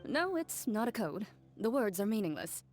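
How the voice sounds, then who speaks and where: A woman playing a calm, reserved young woman who speaks in a deadpan, measured way in a video game. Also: mid-range voice, over loud music, close to an everyday voice.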